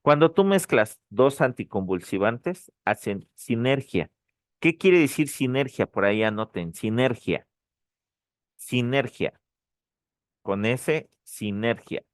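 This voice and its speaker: A man's voice: medium pitch, no room sound, studio quality. A man giving an online pharmacology lecture, repeating key points and checking in with his students. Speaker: pharmacology teacher. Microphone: dry close mic, online session.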